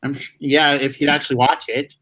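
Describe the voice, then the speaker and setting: A man's voice: mid-range voice, flat delivery, a little fast, sharp tone, slight background noise. A man hosting a casual live stream over a video call, talking in an easygoing way with fillers and restarts. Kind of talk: casual chat.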